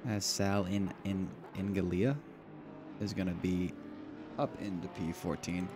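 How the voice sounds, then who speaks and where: A man's voice: low voice, level tone, a little slow. A man doing casual live play-by-play as a motorsport commentator on sim racing. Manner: casual, bantering. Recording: clear engine noise behind voice. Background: car engine and race ambience.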